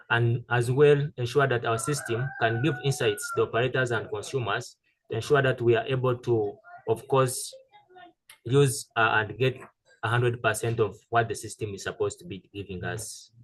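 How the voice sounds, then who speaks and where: A man giving a halting technical presentation over a video call, with many fillers and restarts. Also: medium pitch, rough recording. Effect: heard over a video call. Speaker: presenter pitching a solar tool.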